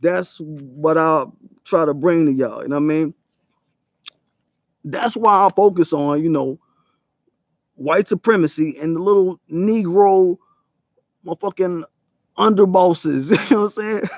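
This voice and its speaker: Male vlog host, raised voice with gravel, profane and emphatic, dead-dry close recording. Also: fairly high pitch, a little slow, long pauses, dry recording. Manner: profane, emphatic, rhetorical questions; mocks others in quoted voices. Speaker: channel host. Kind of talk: unscripted commentary monologue.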